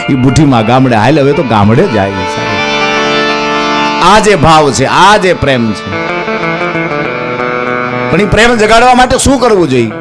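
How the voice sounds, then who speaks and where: A male folk storyteller performs on a live stage and keeps switching into the voices of the people in his tales. He speaks at a middle pitch. Plucked strings play clearly behind him. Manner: animated, acts out characters, addresses listeners as "sir". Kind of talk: Gujarati dayro storytelling to a live audience. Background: plucked string music.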